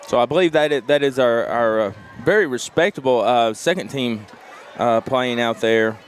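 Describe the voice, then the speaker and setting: A man giving color commentary on a local high school football broadcast, earnest and halting, with many fillers. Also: slight background noise.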